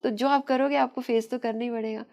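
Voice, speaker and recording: A woman guest on a podcast interview, calmly explaining past-life ideas and mixing English phrases into her talk, with light laughter. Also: on the high side, fairly quick.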